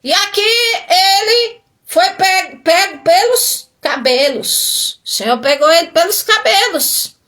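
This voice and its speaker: A woman's voice: extremely high pitch, lively intonation, slow, a bit bright. A woman pastor preaching a sermon, emphatic and full of rhetorical questions.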